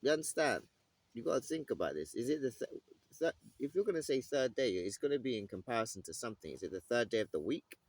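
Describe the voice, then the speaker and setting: A man's voice: medium pitch, very animated, fast. A man teaching a scripture study. He reads verses aloud and stops often to ask questions and check in with "right?" and "okay?". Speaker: Bible teacher.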